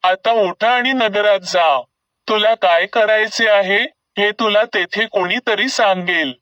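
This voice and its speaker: A man reading the lines of a commanding male divine voice from heaven, slowly and solemnly. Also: sits high, bright, forceful tone, no echo, full character voice. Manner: slow, solemn delivery. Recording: dull recording from a distance.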